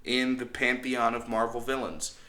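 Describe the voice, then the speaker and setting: Bright-voiced man reviewing movies, echoey room. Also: medium pitch, steady tone, moderate pace. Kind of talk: casual movie review talk.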